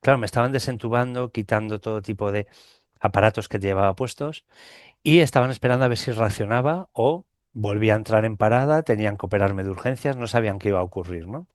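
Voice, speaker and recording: Spanish man telling a story, low voice. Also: fast talker, no echo, clean studio sound. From Spain. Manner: animated retelling, acting out quoted dialogue. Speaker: guest recounting a near-death experience. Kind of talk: storytelling in an interview.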